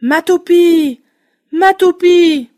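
A woman's voice: high-pitched, expressive, a little slow. A woman voicing a timid, tearful young boy in a storybook who asks politely and wails for his lost toy. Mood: wailing.

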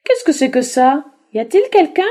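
A woman's voice: high voice, big pitch swings, normal speed, mellow, pitched above the performer's own voice. A woman voicing a spiteful female witch who threatens to turn the others to dust, in a storybook reading. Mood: menacing.

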